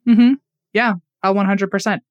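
Woman podcast host telling a story, jokey and self-deprecating, mid pitch, dry close mic. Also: fairly even intonation, normal speed, no room sound, muffled recording. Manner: self-deprecating, chatty, laughs at herself. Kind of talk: casual storytelling chat.

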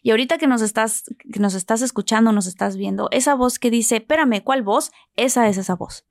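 A woman chats animatedly, slipping into voices as she tells a story. Her voice sits a little high with a gravelly fry. The sound is dry, with no room around it. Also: fairly quick, dry recording. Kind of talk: casual storytelling conversation.

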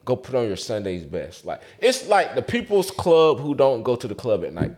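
A man in an animated, slangy group chat, speaking emphatically as he jokes and argues with friends. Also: medium pitch, normal speed. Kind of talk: casual group chat, joking debate.

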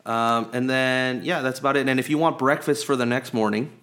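A man's voice: medium pitch, fairly even intonation, a little fast, a bit bright. A man co-hosting a sports podcast in casual chat, rambling and chatty with many fillers and restarts. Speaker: podcast co-host.

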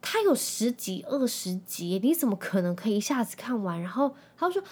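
A woman in her thirties with a Taiwanese Mandarin accent, hosting a podcast in a chatty, animated way and dropping in English phrases. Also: medium pitch, a little fast, breathy edge. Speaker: podcast host. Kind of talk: casual chat.

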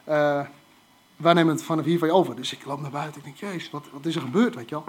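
Man, high voice, chatty storyteller who stumbles and restarts. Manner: animated, halting, many fillers and restarts. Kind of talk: casual spoken anecdote.

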